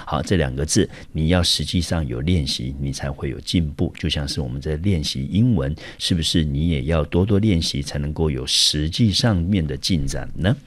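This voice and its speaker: Very deep-voiced male English teacher. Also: moderate pace, few pauses. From Taiwan. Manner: patient, explains step by step with fillers like 好 and 呢. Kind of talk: vocabulary lesson.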